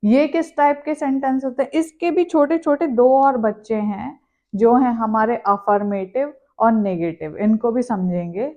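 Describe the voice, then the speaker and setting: A woman teaching a grammar lesson in a lively, animated classroom way, acting out little everyday quotes. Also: mid-range voice.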